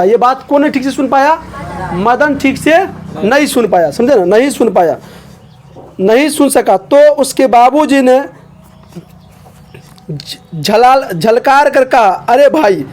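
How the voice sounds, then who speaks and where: A man teaches a textbook chapter in an unusually high voice. He reads a line, repeats it, then stops to ask his students whether they have understood. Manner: repeats lines and checks understanding with questions.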